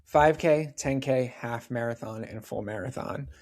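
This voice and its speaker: A podcast guest in his forties chats casually in an interview, his medium-pitched voice unhurried and a little mellow. He peppers his talk with plenty of "like" and "right?" asides.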